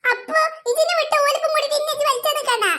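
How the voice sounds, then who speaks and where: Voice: steady tone, quick pace, bright, forceful tone. A voice artist voicing chattering, playful cartoon kids. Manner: squeaky, chattering.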